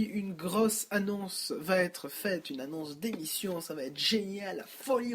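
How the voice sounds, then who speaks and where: A man's voice: high-pitched, slight background noise. A young man hosting a casual solo podcast, joking and rambling, often correcting himself mid-sentence. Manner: jokey, rambling, self-interrupting. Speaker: podcast host. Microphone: no headphones, home setup.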